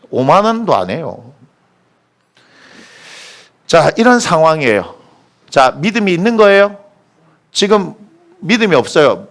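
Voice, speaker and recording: A male pastor, preaching a sermon in a church. His voice is high and very lively, swinging up and down as he tells stories and throws questions to the congregation. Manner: animated storytelling with questions to the congregation. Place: church sanctuary.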